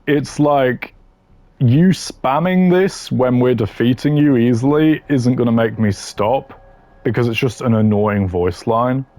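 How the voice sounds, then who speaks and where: Ranking game voice lines, this content creator has a voice on the low side and a little mellow. He's casual and full of opinions, dismissing things bluntly with a dry sense of humour.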